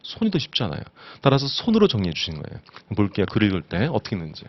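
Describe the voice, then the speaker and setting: A man's voice: fairly low pitch, wildly swooping pitch, rapid-fire, highs cut off. A man teaching an exam-prep lecture, constantly asking his students rhetorical questions. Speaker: instructor.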